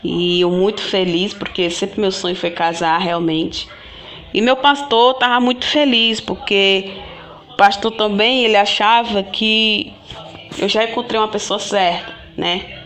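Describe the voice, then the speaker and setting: A woman's voice: mid-range voice, steady tone, a little slow, fairly bright tone. Rambling woman telling her story. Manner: rambling and repetitive, often restarting and addressing viewers directly. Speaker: vlogger. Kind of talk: casual personal storytelling to viewers.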